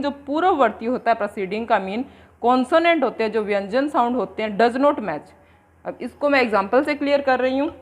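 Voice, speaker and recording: A woman with an Indian accent giving a coaching-class lecture, explaining in Hindi and slowly dictating English definitions word by word. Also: high voice. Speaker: English exam coaching teacher.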